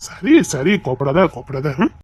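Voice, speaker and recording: A woman voicing a remorseful, tender young husband with a Tirunelveli Tamil accent, in a web-series drama. She pleads and repeats apologies quickly. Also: very deep voice, very animated, darkish tone, husky, exaggerated voice. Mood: soothing.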